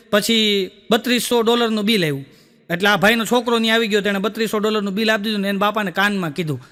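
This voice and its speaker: Kathiawadi stand-up man, very high and sharp-voiced, storyteller's patter, long hall reverb on stage. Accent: Kathiawadi Gujarati. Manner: storytelling, tags jokes with a repeated "listen" aside. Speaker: stand-up comedian. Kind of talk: stage joke-telling.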